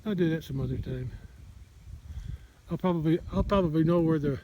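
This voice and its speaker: Speaking briskly in a slightly high voice, a man rambles folksily and repeats himself while doing farm chores for a casual vlog. The audio sounds dull. He works outdoors on the farm, at times near a vehicle, and vehicle noise fills the recording.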